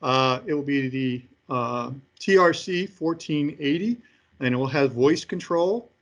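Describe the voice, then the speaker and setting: Playing a company executive showing off products, a man answers interview questions haltingly, hesitating often between phrases. His voice is slightly high, animated, and a little bright.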